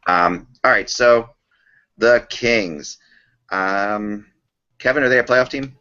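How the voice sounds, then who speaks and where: A podcast host with a lowish, sharp voice talks slowly through a casual sports discussion over a remote online call, often repeating and rephrasing his points. The call audio is dull and lo-fi.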